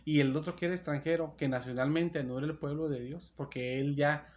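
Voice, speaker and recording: A man's voice: a little high, fairly even intonation, brisk, muffled recording. A man preaching a sermon in a church, reading Bible verses aloud and explaining them, often restarting and correcting himself. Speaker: pastor.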